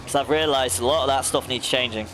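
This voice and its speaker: A man's voice: mid-range voice, quick pace, background noise. A young man streaming a racing game, chatting casually, laughing often and addressing viewers by name. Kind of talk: casual chat while gaming.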